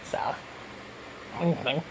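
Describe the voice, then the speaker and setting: A man from Canada, a YouTuber, takes viewer questions during a casual mukbang Q and A, talking through mouthfuls of food on a phone recording. He speaks slowly against a noisy background.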